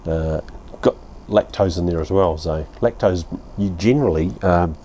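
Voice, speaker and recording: At his outdoor home bar, a New Zealand man in his fifties gives a casual, blunt, meandering beer review full of fillers and light swearing. His low voice is warm and moderately paced, with a little background hiss or hum.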